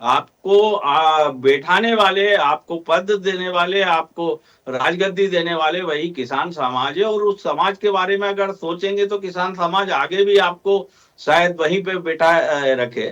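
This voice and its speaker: Representing farmers as a guest on a panel discussion, a man argues earnestly with many hesitations. His voice is high-pitched and fairly bright, his pace unhurried, and the audio is dull.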